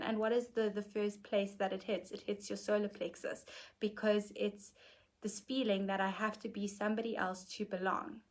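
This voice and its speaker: A woman hosting a live stream, teaching in a gentle, earnest way and often pausing with "okay". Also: medium pitch. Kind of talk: reflective teaching talk.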